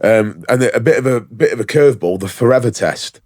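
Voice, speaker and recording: A man's voice: mid-range voice, expressive, a little fast, a little mellow, dry recording, clean studio sound. A man co-hosting a casual podcast, rambling and sweary, full of ums and fillers. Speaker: podcast co-host.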